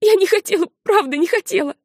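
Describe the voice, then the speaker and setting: A woman's voice: sits high, fast talker, darkish tone, dry recording, studio quality, pitched above the performer's own voice, close to an everyday voice. A woman reading an audiobook, voicing a panicked fourteen-year-old girl in an urgent, pleading voice. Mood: urgent, shaken.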